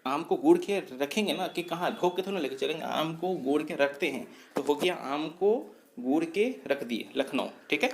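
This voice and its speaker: At a normal speed and a fairly high pitch, with a bit of background noise, a man walks through mnemonic techniques for an exam. He repeats key points, questions and answers himself, and fixes his own slips as he goes.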